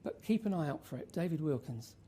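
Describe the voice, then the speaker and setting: A woman's voice: low voice, animated, brisk, dark tone, slight background noise. A woman giving an informal research presentation to an audience, using rhetorical questions and emphasis. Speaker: conference speaker.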